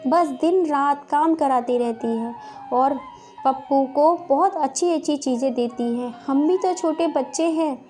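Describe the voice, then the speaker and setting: A small village girl begging and complaining in a high, plaintive voice, as a woman puts her on. She sounds meek and hurt. Faint music plays underneath. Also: unhurried, warm tone. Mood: pleading. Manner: pleading, plaintive. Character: pleading little village girl.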